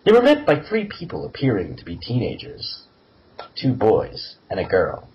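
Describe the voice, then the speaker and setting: A man's voice: on the low side, wildly swooping pitch, normal speed. A man narrating a fan story in an amateur group reading, giggling now and then. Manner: giggly, breaks up laughing. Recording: muffled lo-fi with faint hiss.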